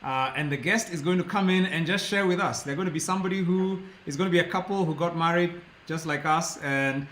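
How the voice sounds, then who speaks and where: A man's voice: a little high, a little fast, fairly bright tone, a little hiss or hum. A man in his fifties co-hosting a casual chat, talkative and self-deprecating, laughing often. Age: 50s. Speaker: co-host. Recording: echoey room.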